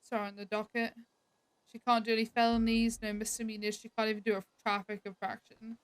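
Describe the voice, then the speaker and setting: A woman's voice: a little high, little pitch movement, brisk, dry recording. A woman streamer in a casual role-play chat, talking in a chatty way with lots of "like" fillers, heard over a game voice mic. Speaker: streamer role-playing a character.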